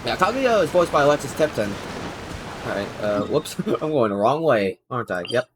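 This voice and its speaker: While playing on a livestream, a young man rambles casually between thoughts, using slang and poking fun at himself. He talks briskly at a medium pitch with big swings in intonation. Video game music and dialogue, plus some background noise, can be heard.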